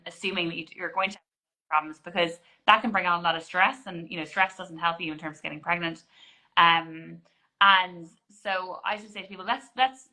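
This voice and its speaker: Bright-voiced woman GP in her forties. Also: fairly low pitch, rough recording. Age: 40s. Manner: explanatory, frequent restarts and fillers. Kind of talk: conversational interview answers.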